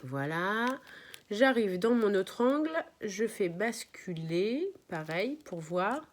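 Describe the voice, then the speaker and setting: A woman's voice: mid-range voice, sing-song, takes it slowly, a little hiss or hum. Woman demonstrating a craft project. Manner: chatty, explains while working, often apologizes. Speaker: crafts tutorial host. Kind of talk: casual step-by-step craft demonstration.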